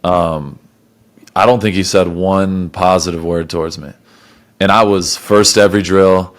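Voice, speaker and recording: A young man hosting a casual podcast chat, animated, laughing often and swearing freely. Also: deep voice, a little slow. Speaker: podcast host and football player.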